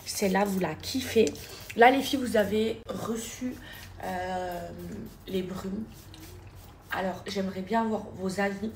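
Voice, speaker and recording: There's slight background noise as a woman in her thirties films a casual vlog for her followers, talking to them constantly as she goes from indoors to the car and shops. She speaks at a measured pace, with a medium pitch and fairly even intonation.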